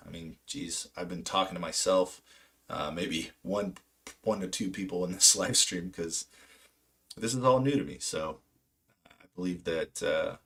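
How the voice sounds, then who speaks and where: With a deep, slightly bright voice, a livestream host in his late thirties, an amateur retail trader, talks unscripted in a rambling, halting, self-mocking way. He spent his first seven years in Poland and was then raised in southern California.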